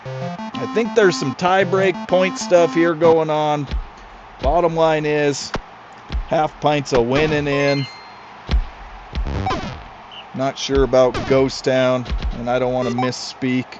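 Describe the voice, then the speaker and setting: A man doing casual, excitable play-by-play commentary for a league, throwing in chatty asides to his co-hosts. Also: fairly high pitch, slow, pauses often. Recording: slightly muffled with clear music behind.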